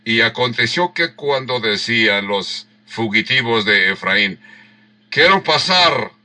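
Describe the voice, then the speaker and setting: Slow, bright-voiced pastor. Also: male voice, on the low side. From Mexico. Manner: unhurried, rereads verses and acts out the quoted lines; explains word sounds with emphatic repeats. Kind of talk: sermon teaching verse by verse.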